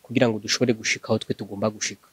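Fast-talking young man, earnest. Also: lowish voice, steady tone, husky, dry recording. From Burundi. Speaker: leader of a gospel singing group. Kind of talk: interview answers.

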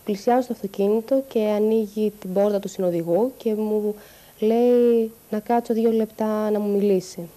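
A woman giving a halting, distressed personal testimony about harassment. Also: mid-range voice, steady tone, warm tone. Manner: halting, distressed, with pauses and restarts. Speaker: interviewee recounting harassment.

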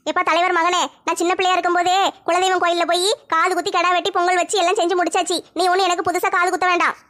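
A woman's voice: very high voice, level tone, racing, a bit bright. A woman voicing a stern, protective middle-aged village mother, lecturing and scolding.

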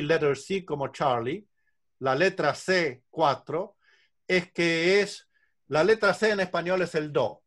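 A man's voice: high-pitched, fairly bright tone. An older man, a singing teacher, patiently explaining voice ranges in an online lesson from a room at home over a video call. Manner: patient, explanatory, illustrates with counting and examples.

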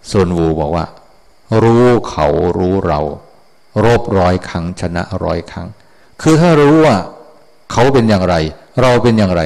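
Low-voiced monk giving a blunt sermon. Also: male voice, a little mellow. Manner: blunt, digressive, folksy. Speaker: Buddhist monk. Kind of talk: casual dharma talk.

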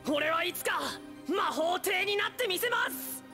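A stubborn young boy knight in a game cutscene, his voice soaring very high and leaping all over the place as he shouts his declarations. A loud soundtrack plays under him. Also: animated, a little slow. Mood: determined. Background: game music.

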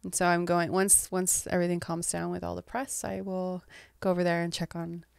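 A woman in her thirties from England, who speaks with an American accent, is a soft-spoken guest author in a casual interview, often laughing and trailing off. Her low-leaning voice shows little pitch movement and some vocal fry, and she talks briskly yet smoothly. The recording is dry.

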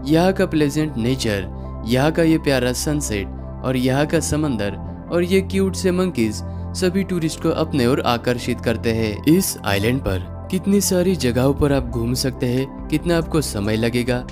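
A man giving a steady, informative voice-over as a travel vlogger, narrating a guided tour. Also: mid-range voice, a little slow. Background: clear guitar music.

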